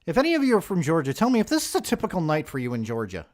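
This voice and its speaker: Rapid-fire and fairly high-pitched, this man's voice swoops wildly as he reacts to a video. In his forties, the host mocks the footage with casual profanity and jokes.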